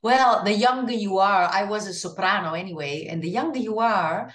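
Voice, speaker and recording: Over a casual video call from her home, a Dutch-accented singer speaks in a mid-range voice at a moderate pace, the sound roomy through her earphone headset. She comes across as animated, moving her hands as she talks and restarting sentences frequently.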